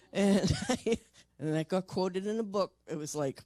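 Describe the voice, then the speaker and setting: A paranormal investigator giving a lively storytelling talk at a convention and acting out the people quoted. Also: medium pitch, measured pace, no room sound. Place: convention stage or panel room.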